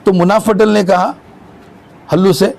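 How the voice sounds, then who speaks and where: A man, speaking up for market vendors in a street interview. His voice sits high, and he talks with heated, emphatic insistence. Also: steady tone, normal speed, vocal fry, a little mellow. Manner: agitated, emphatic complaint.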